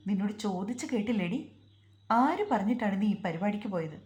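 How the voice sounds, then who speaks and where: A woman voicing a young village husband who scolds his wife and then softens, in a roomy recording. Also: mid-range voice, animated, brisk, lightly acted. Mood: scolding. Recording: roomy echo.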